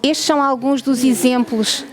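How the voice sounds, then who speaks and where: A researcher speaking in a high, steady voice at normal speed explains her lab to visitors, her accent European Portuguese. She frequently asks the audience questions and makes sure they're following along.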